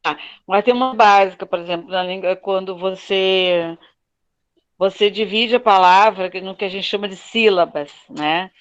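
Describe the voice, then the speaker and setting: A woman teaching Portuguese to foreign learners on a video call, patiently repeating words slowly to model pronunciation. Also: mid-range voice, smooth, lo-fi sound. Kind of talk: online class explanation.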